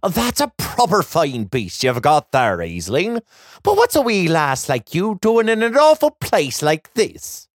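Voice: mid-range voice, wildly swooping pitch, a little slow, no echo, voice pushed up. An elderly leprechaun from a fairy storybook, folksy and hearty with a lilt, as a narrator puts him on. His voice swings widely and sounds dry and close. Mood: jovial. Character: elderly jovial male leprechaun.

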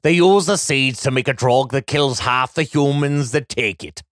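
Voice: medium pitch, moderate pace, no echo, clean studio sound, natural voice. A narrator voicing an elderly male leprechaun with a hearty, folksy lilt. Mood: grim.

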